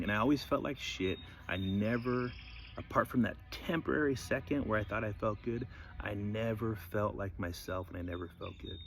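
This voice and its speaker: A man's voice: lowish voice, vocal fry, slight background noise. A man in his forties giving a blunt, heavily profane motivational monologue. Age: 40s. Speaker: motivational speaker.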